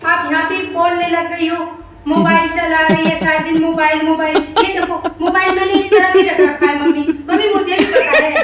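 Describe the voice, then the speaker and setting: A woman's voice: extremely high pitch, steady tone, moderate pace. A woman playing an exasperated young daughter-in-law who pleads and defends herself in a comic sketch. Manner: pleading, defensive, half laughing. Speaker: comedian. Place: home kitchen. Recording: very echoey room, mic far off, loud noise.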